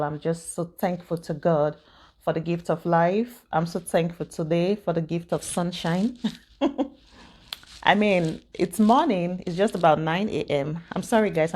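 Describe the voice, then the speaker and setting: A woman records a relaxed vlog at home in the morning, speaking directly to her viewers. Her voice sits fairly low, and she talks in a chatty, rambling way, often breaking into laughter and starting sentences over. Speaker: YouTube vlogger. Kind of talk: casual direct-to-camera vlog chat.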